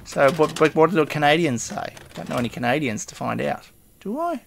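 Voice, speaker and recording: A man's voice: a little high, sing-song, a little fast, gravelly, slight background noise. A man giving casual, rambling commentary while playing a survival game, muttering item names and laughing to himself. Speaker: gaming video host.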